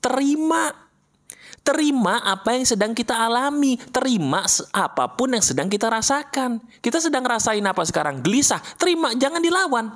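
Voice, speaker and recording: A man giving a motivational talk straight to his viewers in a casual coaching tone, repeating key phrases slowly for emphasis. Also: very high voice, sing-song, fairly bright tone. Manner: casual, coaching tone, addresses listener directly. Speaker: motivational speaker. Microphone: voice-over for an animated video.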